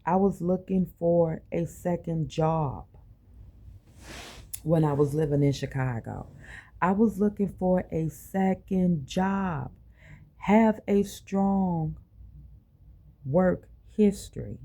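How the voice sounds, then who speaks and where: A woman's voice: fairly low pitch, takes it slowly, long pauses, mellow. A woman delivering an impassioned personal monologue in colloquial, informal phrasing, emphatic and full of rhetorical questions. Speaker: medical clinic worker.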